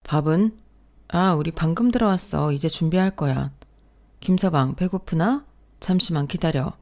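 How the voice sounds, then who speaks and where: A woman's voice: deep voice, normal speed, a little mellow. A synthetic-sounding narrator reading the lines of a kindly older mother offering to cook for her son-in-law. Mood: caring.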